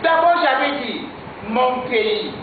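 A man's voice: very high voice, expressive, slow, noisy background. A man teaching French in a classroom, repeating his answers and switching between French and English. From Nigeria. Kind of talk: classroom lesson. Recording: echoey room, far from mic, tinny lo-fi.

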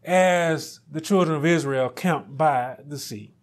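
The sermon comes from a middle-aged pastor in a small studio, his pitch noticeably high. Unhurried and deliberate, he draws his phrases out, and at the crucial points his voice swells loud and high.

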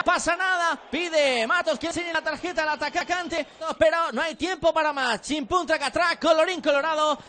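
A man giving excitable, breakneck football goal commentary, stretching out names and cries. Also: extremely high pitch.

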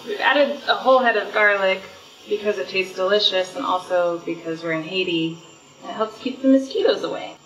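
A woman's voice: mid-range voice, brisk, fairly bright tone, highs cut off. A woman co-presenting a casual cooking demonstration in a home kitchen, upbeat and adding asides. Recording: distant, echoey kitchen with faint music.

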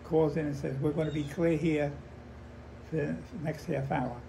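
An American man in his nineties, an old veteran remembering the past in halting, conversational stories, repeating himself and acting out remembered dialogue. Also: fairly high pitch, flat delivery, gravelly, warm tone. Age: 90s. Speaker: war veteran interviewee. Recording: noisy handheld home recording.

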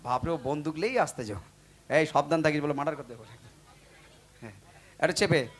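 A man banters with children in a village lane. His voice sits a little high, and he teases, jokes and calls them forward loudly. It is recorded outdoors. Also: a little fast, a little hiss or hum. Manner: teasing, joking, loud calls to the kids. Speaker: gojol singer talking to village children.

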